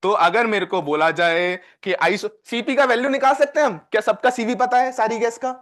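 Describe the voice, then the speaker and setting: A male physics teacher with an Indian accent, lecturing a live class and quizzing students with quick questions. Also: extremely high pitch, a bit bright. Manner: dictates questions slowly, word by word.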